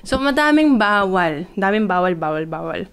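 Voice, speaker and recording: A woman's voice: mid-range voice, moderate pace, clean tone. A young woman from the Philippines, telling a personal story in a casual vlog and mixing Tagalog and English with lots of fillers. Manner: grows excited as she retells. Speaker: vlogger.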